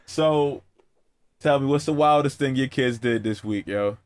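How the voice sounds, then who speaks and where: A man's voice: mid-range voice, unhurried. A man co-hosting a parenting podcast in casual chat, talking in slang and laughing often. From not the US. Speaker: podcast co-host.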